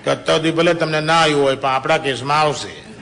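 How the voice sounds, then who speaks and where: Male comic with a slightly high voice, chatty and crude, laughs at his own punchlines. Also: quick pace, creaky, fairly bright tone, slight background noise. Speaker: stand-up joke teller. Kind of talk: bawdy joke telling to a small audience.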